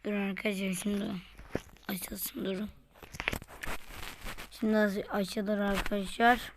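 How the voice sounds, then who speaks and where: A woman with a hoarse voice from being ill, hosting a casual gameplay video and chatting to her viewers as she plays. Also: medium pitch, flat delivery, a little slow, noisy background. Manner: chatty, keeps addressing the viewers, mutters and whispers while playing. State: hoarse from illness. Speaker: gaming video host.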